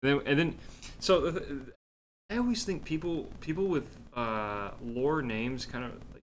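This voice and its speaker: A man's voice: mid-range voice, unhurried, slight background noise. A man co-hosting a casual gaming podcast, rambling, swearing and laughing often as he plays. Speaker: podcast co-host. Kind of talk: casual chat while gaming.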